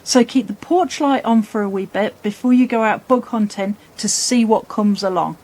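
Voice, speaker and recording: A woman presenting scripted nature narration for children in a playful, expressive storytelling way. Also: medium pitch, normal speed.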